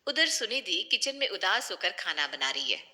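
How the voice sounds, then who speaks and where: Bright-voiced woman narrating a story. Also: medium pitch, sing-song, moderate pace.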